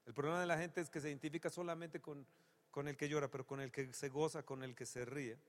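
A man preaching a sermon with a somewhat high voice, dropping to a hush one moment and rising to loud, emphatic exclamations the next. He tells stories with a humorous touch. A long reverb trails his words, as in a large church hall. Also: fairly even intonation, fast. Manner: dramatic, swinging from hushed to loud exclamations; humorous storytelling.

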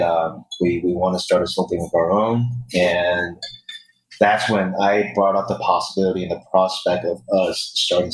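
A middle-aged man from Taiwan and the United States answering interview questions as a guest, explaining things in a wordy, circling way. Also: sits low. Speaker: guest, chef and restaurant owner. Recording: echoey, distorted remote podcast recording.

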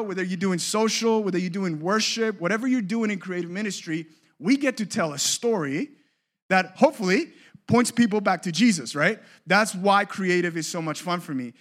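A Colombian man in his thirties, a creative ministry leader, gives a casual, joking workshop talk in a high-pitched, slightly bright voice. He uses many fillers and often restarts his sentences.

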